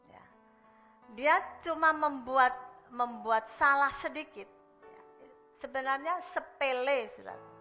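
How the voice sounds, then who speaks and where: Woman preaching a sermon, bright voice kinda highish, talks right at the congregation, soft music behind. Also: unhurried, long pauses. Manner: preaches with strong swings between emphatic and hushed delivery; constantly addresses the congregation directly.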